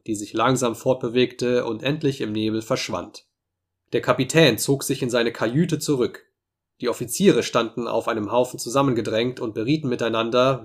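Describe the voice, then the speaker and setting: A man narrating a classic novel as an audiobook, in a steady, measured storytelling voice. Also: mid-range voice. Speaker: audiobook reader. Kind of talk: scripted narration.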